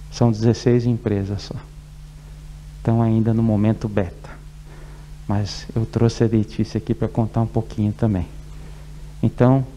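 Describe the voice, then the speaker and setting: A man with a Brazilian Portuguese accent hosts a public presentation over faint background noise. His voice is very dark and gravelly, and he takes his time with a slow delivery. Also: on the low side, rough recording. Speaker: event host introducing speakers.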